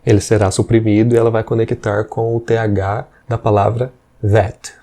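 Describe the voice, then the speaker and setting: A man teaching English. His voice is low and mellow. He explains patiently and repeats examples slowly. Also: flat delivery. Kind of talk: explanatory language lesson.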